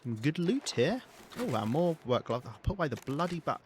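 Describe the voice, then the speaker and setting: A man's voice: on the high side, very animated, fairly quick, slight background noise. A man with a southern English accent giving chatty, wry live commentary while playing a video game, with the odd swear and laugh. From south of England. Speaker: game streamer. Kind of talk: casual live gameplay commentary.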